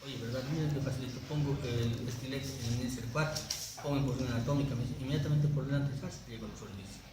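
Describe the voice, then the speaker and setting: A man teaches anatomy to a class, talking very fast in a mid-range voice. His lecture is conversational and full of jokes, and he often checks that students are following. The room is very echoey with background noise.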